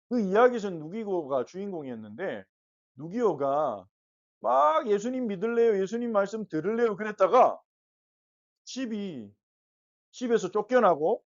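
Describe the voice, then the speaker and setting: A woman teaching a Bible lesson to children, telling the story with lively questions to the kids. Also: fairly low pitch. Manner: animated storytelling, asks the kids questions and acts out quotes. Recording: muffled lo-fi recording.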